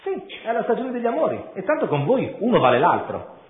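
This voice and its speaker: A man's voice: sits high, huge pitch swings, fairly quick, pitched above the performer's own voice. A man voicing an alluring, free-spirited female chameleon who talks in a teasing, dreamy way. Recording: tinny echoey room.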